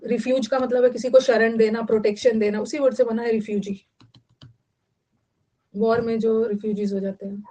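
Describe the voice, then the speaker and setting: Hindi-teacher woman, higher voice. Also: level tone, moderate pace, pauses often, mellow, rough recording. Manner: mixes Hindi and English, repeats words, quizzes students. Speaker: English vocabulary teacher. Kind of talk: online class lecture.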